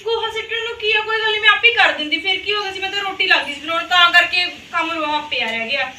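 Girl doing a sweet peacemaking young bahu, very high bright voice, quick. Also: heavily acted. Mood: placating. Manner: placating, gentle, respectful. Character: dutiful young daughter-in-law keeping the peace. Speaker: actress. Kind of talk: village family drama acting. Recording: roomy, distant mic.

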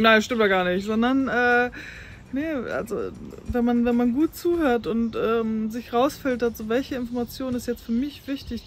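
Out on a farm lawn by a brick farmhouse, a farm life blogger from northern Germany's North Frisia, aged in her 30s, chats in a casual interview. Her voice is on the high side, with a little hiss or hum in the recording. Chatty and easily amused, she speaks with many fillers and restarts.

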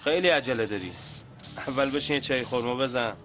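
Guy doing a cool quiet gangster boss, threatening, mid-pitch, faint music under. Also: natural voice. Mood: menacing. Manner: cold, threatening, calm. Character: calm menacing male gangster boss.

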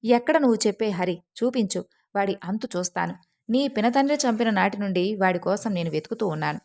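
A woman's voice: mid-range voice, animated, brisk, creaky, a little mellow. A woman voicing a furious, arrogant male demon king in a devotional storybook telling, threatening and mocking his son. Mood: enraged.

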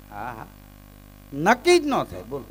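A man telling folk stories live on stage. He chants verses loudly, then drops into easy chat and lands his punchlines. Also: mid-range voice. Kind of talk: live folk storytelling with recited verse and jokes.

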